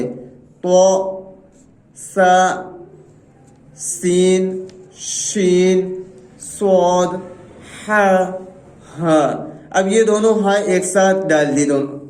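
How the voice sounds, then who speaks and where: A man with an Indian Hindustani accent, teaching Arabic letters in a slow spoken lesson, patiently repeating each letter sound. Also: high-pitched, darkish tone. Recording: echoey room.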